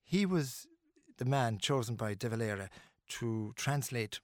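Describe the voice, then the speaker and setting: Being interviewed about his music, a middle-aged man from Ireland talks in an earnest, emphatic way, frequently restarting and using fillers. His mid-range voice is animated and measured, captured in a dry, studio-quality recording.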